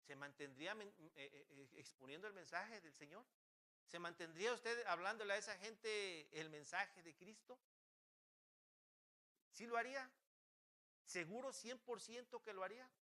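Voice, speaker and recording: A pastor delivers a sermon in church at a normal pace, his high, bright voice carrying a forceful edge. He presses the listeners with fervent rhetorical questions, often stumbling and starting phrases over.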